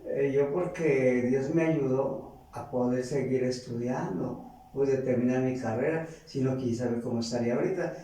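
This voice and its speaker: A man with a Mexican accent giving a halting, earnest personal faith testimony, often repeating words. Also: medium pitch, warm tone, a little hiss or hum. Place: large church hall. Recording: echoey church from far off.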